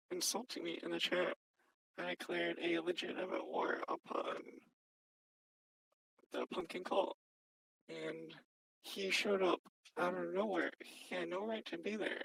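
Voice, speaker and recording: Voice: medium pitch, vocal fry, a bit bright, slightly rough, rough recording. A person speaking through a voice changer, testifying defensively as the accused in a game-server mock trial. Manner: defensive, self-justifying.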